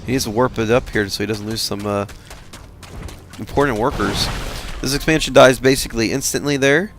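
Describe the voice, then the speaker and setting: A man giving casual commentary on a strategy game replay, tired and halting, with many fillers. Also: mid-range voice, slight background noise. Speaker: game caster.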